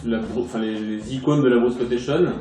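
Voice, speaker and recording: Halting interviewer, distant in a roomy space. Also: male voice, mid-range voice, mellow. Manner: halting questions. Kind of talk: casual interview. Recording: roomy, distant mic, music behind.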